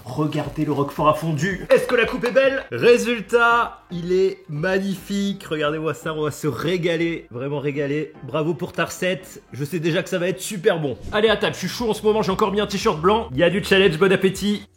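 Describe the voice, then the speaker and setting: A young man hosts a casual cooking and eating vlog from his home kitchen, loud and exclamatory with a quick sense of humor and casual swearing. His voice sits quite high for a man. Faint music plays softly behind him. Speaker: food YouTuber.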